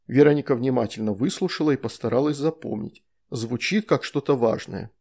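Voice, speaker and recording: A man narrating an audiobook in a lively, expressive reading. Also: mid-range voice, fairly quick. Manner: lively, performs all character voices. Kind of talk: scripted narration.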